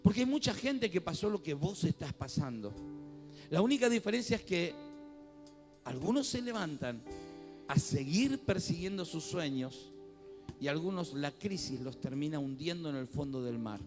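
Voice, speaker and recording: A man's voice: on the high side, expressive, moderate pace, darkish tone, soft background music. A man with a Rioplatense accent preaching a sermon as pastor in a church, talking conversationally and building to fervent swells. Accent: Rioplatense Spanish.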